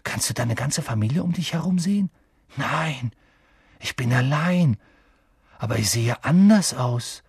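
A man reading an audiobook, voicing an excitable, slightly whiny boy wizard in a raised, husky voice. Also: mid-range voice, measured pace, no echo, studio quality, voice pushed up, exaggerated voice. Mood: eager. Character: eager red-haired schoolboy wizard, boastful.

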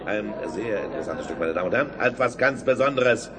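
A man's voice: fairly low pitch, animated, fast talker, lightly acted. A man playing a jolly, theatrical auctioneer in an audio drama, coaxing bidders with showy calling patter. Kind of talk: German audio drama acting. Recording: crowd murmur behind the voice.

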